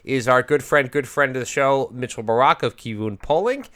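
Bright-voiced male talk show host. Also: mid-range voice, normal speed. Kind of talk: conversational broadcast interview about politics.

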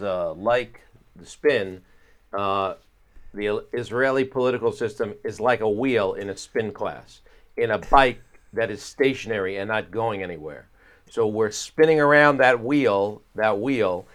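A man speaking as a guest political analyst in conversational interview commentary, wry, with halting repeats. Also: lowish voice, a bit bright.

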